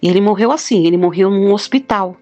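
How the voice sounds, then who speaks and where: A woman's voice: mid-range voice, fast, warm tone. A middle-aged woman, giving a heartfelt, plain-spoken personal testimony. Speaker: guest telling a near-death experience.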